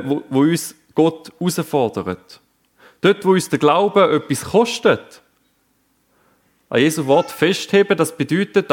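A man preaching a sermon, speaking earnestly and addressing the listeners directly. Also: medium pitch.

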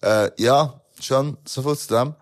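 A man's voice: medium pitch, takes it slowly. A man with a Swiss German accent chatting as podcast co-host, often hesitating and searching for words. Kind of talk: casual chat.

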